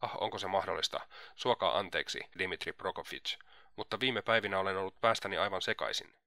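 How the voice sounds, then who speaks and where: A man's voice: low-pitched, bright, forceful tone, dry recording. A man reading the lines of an anxious, fretful aging mother in an audiobook. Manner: fretful, pleading.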